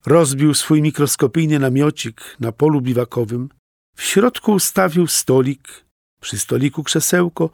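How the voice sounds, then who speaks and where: A man narrating a children's story in a gently playful storytelling manner, asking the listener questions. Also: fairly high pitch, creaky, dry recording, clean studio sound.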